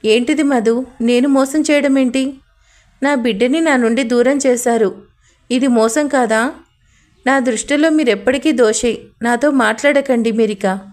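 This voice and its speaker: A hurt, betrayed wife, read out by a woman, speaks to her husband with reproach. The voice is fairly high, and she sounds like a character in a family drama story. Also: unhurried, darkish tone, natural voice. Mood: reproachful.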